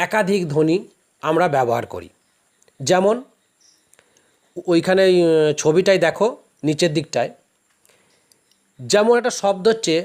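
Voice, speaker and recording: A man's voice: high voice, darkish tone. A male teacher with a Bangladeshi Bengali accent giving a classroom lecture, explaining patiently step by step with examples.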